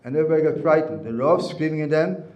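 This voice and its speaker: A man's voice: fairly high pitch, fast talker, dull audio. A man, a rabbi, giving a Torah lesson with stories, repeating and restating his phrases as he teaches. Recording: echoey room.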